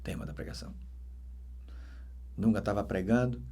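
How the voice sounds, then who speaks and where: A man with a Brazilian Portuguese accent, a deacon giving a dramatic conversion testimony that swings between loud emphatic bursts and hushed soft passages. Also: lowish voice, fairly even intonation, normal speed.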